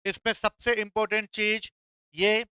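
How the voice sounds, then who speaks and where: Man, teacher, high voice, very bright and clear, quizzing students. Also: flat delivery, a little slow, no echo. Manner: playful, quizzing students with call-and-response questions. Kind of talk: classroom lecture.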